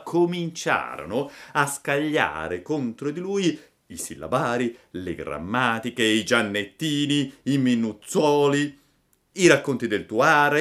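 Man, storybook narrator, calm reading, animated intonation. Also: mid-range voice.

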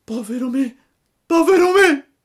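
A man voicing a panicky, wailing wooden puppet boy in a high, shrill voice. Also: animated, normal speed, fairly bright tone. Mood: wailing, pleading.

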